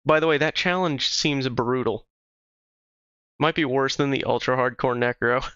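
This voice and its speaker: A man's voice: mid-range voice, normal speed, a bit bright, smooth, no echo. A man livestreaming a game, chatting casually with viewers in a loose, profane way. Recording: slightly dull stream audio with music.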